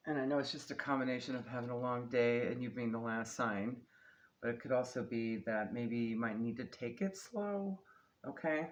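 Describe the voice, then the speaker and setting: A man's voice: medium pitch, little pitch movement, highs cut off. Man with retainer-slurred speech reading cards. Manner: unhurried, often ends statements with a questioning "okay?". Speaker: tarot card reader, host. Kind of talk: casual, improvised spiritual card reading to an audience. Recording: clearly noisy background with clicks.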